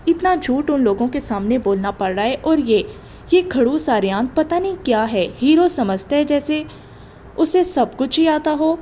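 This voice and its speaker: A woman's voice: high voice, lively intonation, warm tone, slight background noise. A woman voicing a feisty young woman who grumbles and talks back sarcastically in an audiobook. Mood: grumbling.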